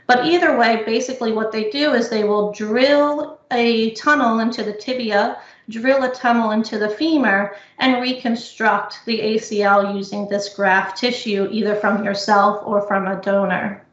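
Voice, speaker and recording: A woman presenting research on knee injury rehab in an explanatory, measured way, with frequent fillers, over a video call. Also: on the high side, steady tone. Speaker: physical therapy researcher presenting. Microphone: computer mic on video call. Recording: echoey lo-fi video call audio.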